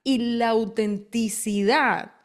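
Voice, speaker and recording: Woman, podcast co-host, a bit high voice, chatty, lively, quick bursts. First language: Spanish. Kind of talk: casual podcast conversation.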